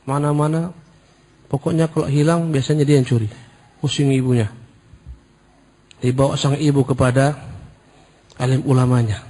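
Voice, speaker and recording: A man's voice: mid-range voice, steady tone, normal speed, long pauses, warm tone. A middle-aged man preaching a sermon on a religious book, emphatic and full of exclamations. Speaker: Islamic preacher.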